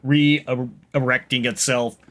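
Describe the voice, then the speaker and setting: A man running a tabletop role-playing game, narrating scenes in a dramatic, halting way. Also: mid-range voice, steady tone, a bit bright, slight background noise. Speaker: game master.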